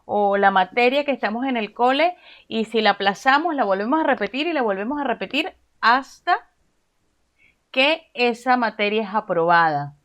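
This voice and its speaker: Brief: Venezuelan woman interviewer, slightly high voice, chatty questions. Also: expressive, moderate pace, fairly bright tone. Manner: conversational, leading with long framed questions. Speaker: interview host.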